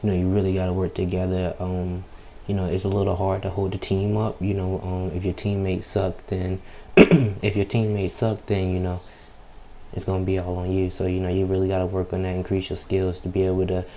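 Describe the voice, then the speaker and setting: A young man with a low, subdued voice giving unhurried, laid-back, slangy casual gameplay commentary. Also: completely flat delivery, dark tone. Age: young adult. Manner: unhurried, laid-back, slangy, frequent "you know" filler; keeps clearing throat. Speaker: gaming YouTuber. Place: at home late at night, people nearby. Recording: home mic with background noise.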